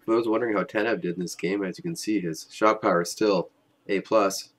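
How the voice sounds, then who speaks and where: A young man giving joking, wry play-by-play voice-over of game highlights. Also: steady tone, brisk. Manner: wry, joking, self-mocking. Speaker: highlights commentator.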